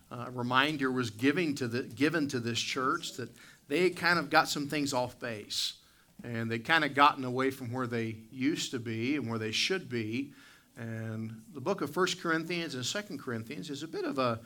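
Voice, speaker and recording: A man speaks as a pastor in a church service. His voice is bright and forceful at an average male pitch. He is plain-spoken and deliberate, setting out his thoughts in short pieces. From West Virginia, United States. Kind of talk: church sermon with scripture reading and prayer.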